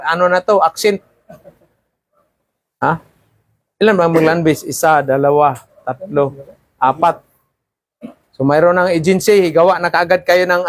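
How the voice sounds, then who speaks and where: A man's voice: high voice, no room sound. A man teaching a class of seafarer trainees, lecturing and often checking in with "ha?" and "di ba?". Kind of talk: classroom talk.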